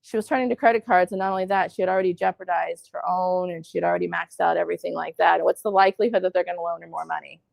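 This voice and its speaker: A woman's voice: on the low side, fairly even intonation, racing, creaky, hardly any pauses, a little mellow, no room sound. A middle-aged woman from the United States giving a live workshop talk in a classroom, telling stories, quoting people in put-on voices and asking the audience questions. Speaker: workshop presenter.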